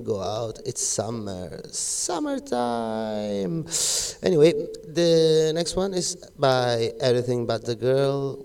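A man's voice: mid-range voice, creaky, dark tone, smooth. A man working as a radio DJ, announcing songs in a casual way while a strange room echo rings around his voice. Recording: echoey room, voice far from mic.

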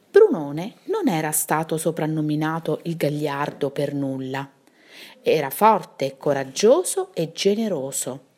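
A woman teacher reading a bedtime story aloud to her pupils in an expressive storytelling way. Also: low voice.

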